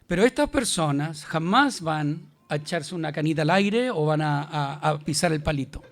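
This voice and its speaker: A man's voice: on the high side, lively intonation, normal speed. A male pastor with a Chilean accent, preaching an emphatic, colloquial sermon. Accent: Chilean Spanish.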